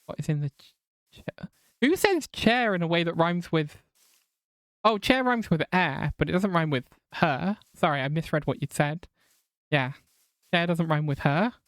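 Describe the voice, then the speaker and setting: Streaming a game, this woman from England talks in a chatty way, reads her chat out loud and drops the occasional swear word; her accent mixes southern and northern English. She speaks at an unhurried pace in a low register, and the studio-quality audio has no echo.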